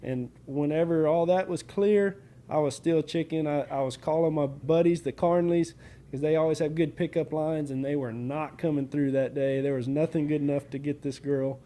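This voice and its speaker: A man's voice: fairly high pitch, steady tone, normal speed, mellow. A man hosting a podcast, telling stories in casual conversation. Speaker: podcast host. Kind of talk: casual storytelling. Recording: clear background ambient noise.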